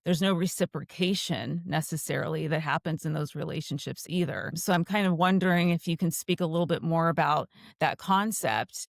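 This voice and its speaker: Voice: mid-range voice, fairly quick, vocal fry, hardly any pauses, dry recording. A podcast co-host asking earnest questions in a casual conversation and humming agreement often. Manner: earnest, frequent affirming hums.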